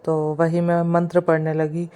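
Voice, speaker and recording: Woman vlogger, casual voice-over, low, steady and chatty. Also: normal speed, smooth. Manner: chatty, retells events and acts out quotes.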